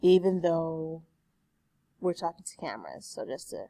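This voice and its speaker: Lower-voiced woman giving a lecture. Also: sing-song, measured pace, mellow, dry recording. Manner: conversational, frequent self-corrections and "excuse me". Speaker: college speech instructor. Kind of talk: recorded online lecture.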